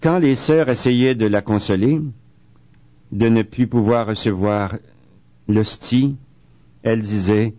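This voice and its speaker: A man giving a spiritual talk as a preacher, reading quotations slowly and solemnly and adding chatty asides. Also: on the low side, mellow, dry recording. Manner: reads quoted writings slowly and solemnly, adds chatty asides. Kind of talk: spiritual talk on a saint's life.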